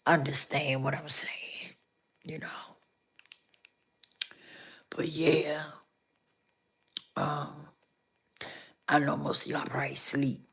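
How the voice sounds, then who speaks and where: A woman hosts a casual live stream, talking straight to her viewers and repeating herself. Her voice is low, fairly bright in tone, and hoarse, rough, and scratchy.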